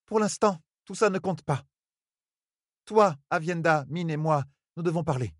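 A man voicing a commanding young noblewoman in an audiobook, speaking with a steady, determined voice. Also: low voice, a little slow, dry recording, clean studio sound, pitched above the performer's own voice. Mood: firm.

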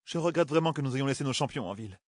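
A man's voice: medium pitch, expressive, very fast, dry recording, studio quality, pitched above the performer's own voice, close to an everyday voice. A man reading an audiobook, voicing a slim, proud sorceress woman who speaks with a sigh. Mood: wistful. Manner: sighing, wistful.

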